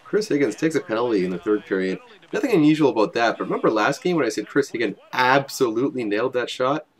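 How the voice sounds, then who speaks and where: A young man giving joking, wry play-by-play voice-over of game highlights. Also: animated, fast. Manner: wry, joking, self-mocking. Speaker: highlights commentator.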